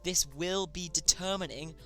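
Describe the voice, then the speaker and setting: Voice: mid-range voice, normal speed, fairly bright tone, soft background music. A streamer casually hosting a chat game live, chatty and often tripping over words.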